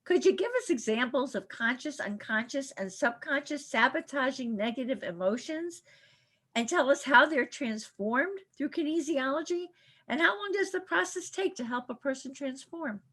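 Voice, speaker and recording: A woman's voice: high voice, lively intonation, moderate pace, fairly bright tone. A woman hosting a podcast interview and asking eager, curious questions. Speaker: podcast host.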